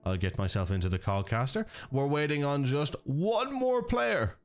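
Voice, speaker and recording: An Irish man casting and running a live esports stream, chatting and joking with viewers in a lively way over faint background music. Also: a little high, moderate pace. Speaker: esports caster and organiser.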